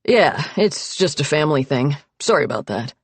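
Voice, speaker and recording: A woman's voice: sits low, very animated, normal speed, slightly rough, no echo, pitched below the performer's own voice, heavily acted. A woman voicing a young man, an apologetic and sheepish fiancé, in an audiobook.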